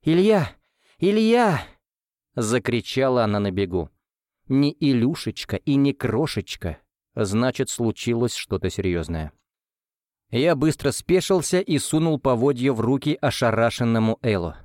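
A man narrating a fantasy novel in the first person, with steady, even storytelling. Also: mid-range voice, moderate pace, dry recording, studio quality. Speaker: audiobook narrator.

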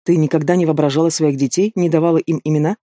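A man voicing a male demon prince who speaks in an even, cool, teasing way, read as an audiobook character. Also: a little high, fast, no room sound, studio quality, close to an everyday voice. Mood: coaxing. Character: calm mocking demon prince, male adult.

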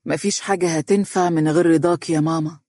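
A man playing a soft-spoken, devoted young man with an Egyptian accent. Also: fairly high pitch, fairly even intonation, quick pace, dry recording, studio quality, lightly acted. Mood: gentle. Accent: Egyptian Arabic.

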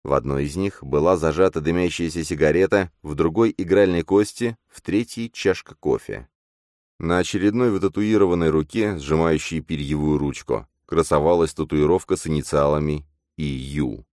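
Deep-voiced man narrating a story, steady pace, dry studio sound. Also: moderate pace, no echo. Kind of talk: audiobook narration.

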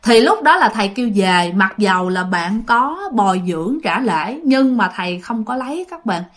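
A woman's voice: mid-range voice, lively intonation, moderate pace, fairly bright tone. A woman telling a ghost story in a chatty, informal way, speaking straight to her listeners.

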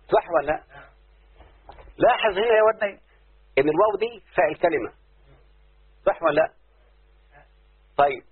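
A high-pitched, breathy male voice with an Egyptian Arabic accent leads a class on word forms. He repeatedly questions his students throughout, heard through a tinny, phone-like lo-fi recording.

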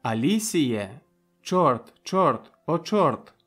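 A man voicing a desperate, frightened captive man who shouts and pleads in panic, in an audiobook reading. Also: medium pitch, big pitch swings, a little slow, soft background music. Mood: panicked.

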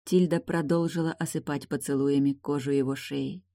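Steady audiobook narrator, mid-pitched, dry booth sound. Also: moderate pace, creaky, no room sound. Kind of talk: scripted narration.

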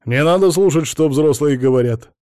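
A man's voice: on the high side, moderate pace, darkish tone, no room sound, clean studio sound, natural voice. A man reading an audiobook, voicing an older man who is a playful, tough grandfather given to bantering. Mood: gentle.

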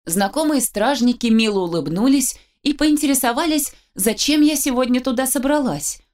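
A woman narrating a first-person story as an audiobook reader, with lively storytelling and a dry wit. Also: sits high, normal speed.

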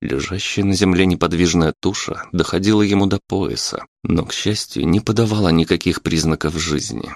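Deep-voiced male audiobook narrator. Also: moderate pace, hardly any pauses. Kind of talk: scripted narration.

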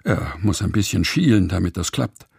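Husky man, playful storybook narration, gravelly, lively. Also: deep voice, moderate pace, no room sound, studio quality. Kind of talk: children's story reading.

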